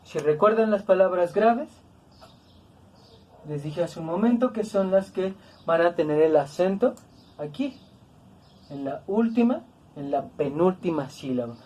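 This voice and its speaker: A woman teaching a grammar lesson, speaking slowly and deliberately, repeating words to stress each syllable. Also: lowish voice, animated, warm tone. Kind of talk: classroom-style grammar lesson.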